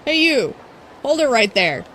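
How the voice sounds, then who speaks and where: A snooty young idol girl who brags and taunts in a raised, sing-song voice, as a woman reads her lines aloud. Her tone swings high and sharp with disdain, all boast and sneer, like a spoiled video game rival. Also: very animated, measured pace, a little hiss or hum, exaggerated voice. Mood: haughty. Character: bratty, arrogant young female rival idol.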